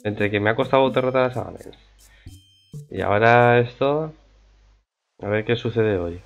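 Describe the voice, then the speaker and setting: A man's voice: medium pitch, normal speed, vocal fry. A man with an accent from Spain giving casual let's play commentary as a gaming video creator. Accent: Spanish from Spain. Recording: thin, phone-like band with faint music.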